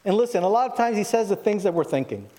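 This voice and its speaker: At a pulpit microphone, a male pastor delivers an expository Bible sermon in a conversational yet emphatic style, repeating phrases and asking his listeners rhetorical questions. His voice is high-pitched, expressive and dark in tone, and he speaks at a quick pace. The hall is reverberant, with a long echo.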